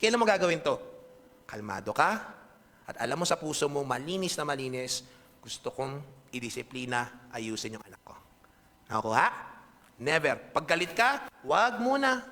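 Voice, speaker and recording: A man's voice: fairly high pitch, sing-song, normal speed, pushed and bright. A pastor with a Filipino accent preaching a conversational sermon to his congregation, checking in with them often. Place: church hall. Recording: echoey hall reverb.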